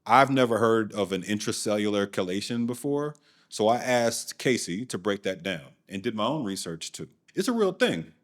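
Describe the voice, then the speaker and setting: A man hosting and narrating a documentary in a scripted way, with dry, sardonic asides. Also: on the low side. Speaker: documentary host.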